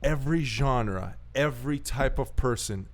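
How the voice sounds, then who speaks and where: An eager man in casual podcast chat, his voice pitched in a middle register. He laughs a lot, trips over his words and repeats himself as he gets worked up about music. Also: measured pace. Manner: excited, laughs often, restarts and repeats words. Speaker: podcast co-host.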